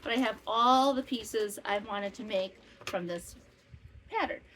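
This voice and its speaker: A woman's voice: mid-range voice, a little slow, a bit bright, rough recording. Chatty woman in her fifties, faint fan hum. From northwestern Wisconsin, US Midwest. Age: 50s. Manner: chatty, rambling with asides and self-corrections. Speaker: podcast host and maker. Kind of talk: casual chat podcast. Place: home in summer heat with a fan running.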